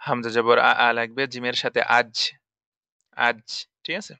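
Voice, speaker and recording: A man's voice: medium pitch, little pitch movement, measured pace, gravelly, pushed and bright, no echo. A man teaching Arabic letters for Quran reading, patiently repeating each sound drill-style.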